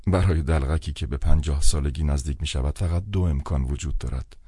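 A man reads a literary novel aloud in a measured, wry first-person manner. His voice is extremely deep. The recording is dry and close, with no room sound. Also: dark tone, slightly rough, dry recording. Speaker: audiobook narrator. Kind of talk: literary audiobook narration.

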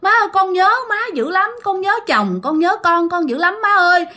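A woman's voice: sits high, sing-song, moderate pace, pushed and bright, voice pushed up, heavily acted. A woman voicing a sobbing woman possessed by the spirit of a dead daughter-in-law, wailing and pleading over and over. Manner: wailing, pleading, repeating herself.

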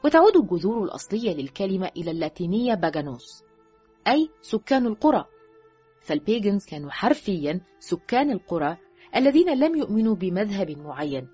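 A woman narrating a thriller audiobook in an expressive, scripted reading style, letting her voice drop low and quiet at the ends of sentences. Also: fast, husky. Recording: dull lo-fi recording with faint music.

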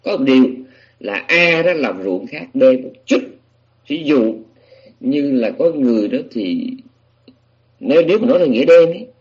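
A man's voice: medium pitch, big pitch swings, normal speed, long pauses, breathy edge, dull audio. A man giving a Buddhist sutra lecture, explaining patiently with many restarts and fillers. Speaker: Buddhist teacher.

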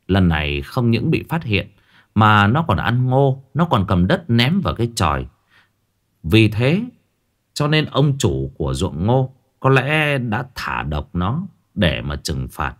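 A man narrating a ghost story in an expressive, dramatic storytelling manner. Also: fairly low pitch. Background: faint background music.

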